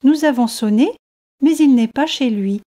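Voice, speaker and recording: A cheerful Englishman at the seaside, friendly and eager, asking questions at an unhurried pace, as a woman reads him in a learners' storybook. The voice sits a little high and mellow.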